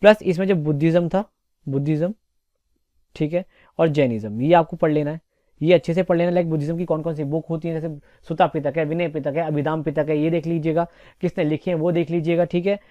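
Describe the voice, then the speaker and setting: A young male tutor talks through exam topics in a loose, chatty lecture and keeps checking in with his students. He speaks quickly in a slightly high, mellow voice. The sound is close and dry. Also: steady tone, dry recording, lo-fi sound. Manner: chatty, repeats "theek hai" often. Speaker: exam prep teacher. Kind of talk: casual exam-prep lecture.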